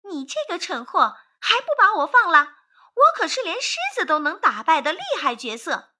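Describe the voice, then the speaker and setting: A woman voicing a cocky, defiant little male mosquito in a children's storybook, high, quick and taunting. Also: very animated, pushed and bright, exaggerated voice. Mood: angry. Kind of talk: storybook narration.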